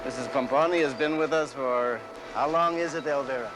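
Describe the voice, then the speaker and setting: An actor playing a paternal male factory owner who smooths over trouble in a patronizing way, often ending lines with "eh?". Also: medium pitch, a little fast, noisy background, lightly acted. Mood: placating. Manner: soothing, patronizing, tags lines with "eh?".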